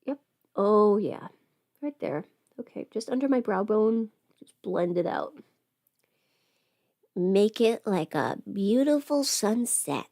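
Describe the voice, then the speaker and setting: Sick with a cold or similar illness, a livestream host and audio performer chats casually while doing her makeup, rambling, thinking aloud and sometimes playful. Her mid-range voice is animated yet slow, creaky and dark, with frequent pauses. The recording is dry and studio quality.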